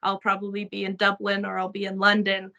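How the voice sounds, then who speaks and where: Young canadian woman, bright voice, chatty interview, lots of ums. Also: mid-range voice, monotone, fairly quick, vocal fry, low-quality recording. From Saskatchewan, Canada. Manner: chatty, many fillers, laughs often. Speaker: actress interviewee. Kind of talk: casual interview chat.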